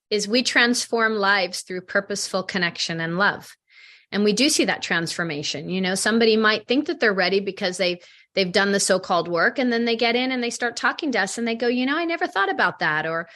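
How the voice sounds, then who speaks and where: A middle-aged woman in an interview, telling client stories and acting out the dialogue with animation. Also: on the high side. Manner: animated, acts out quoted dialogue. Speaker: matchmaking company head. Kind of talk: interview storytelling.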